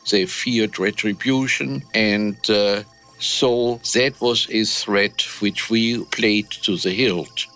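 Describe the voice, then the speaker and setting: Elderly man, low voice, very slow unhurried telling, faint music underneath. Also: fairly even intonation, sharp tone. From Germany. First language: German. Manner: slow and measured, with hesitant "uh" pauses. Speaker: war veteran interviewee. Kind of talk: recounting memories in an interview.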